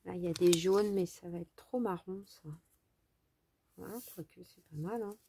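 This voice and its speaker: Talking straight to her audience during a casual craft-along, a Frenchwoman with a French accent speaks at normal speed in a lowish, dark voice. Lots of hesitation and fillers come through as she thinks out loud, over a slight background hiss or hum.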